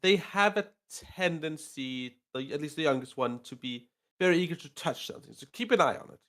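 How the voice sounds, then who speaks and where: A man's voice: a little high, animated, fairly quick, a bit bright. A game master voicing a wary, practical male rabbitfolk guard in a tabletop game, speaking in a matter-of-fact, cautionary way. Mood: wry warning.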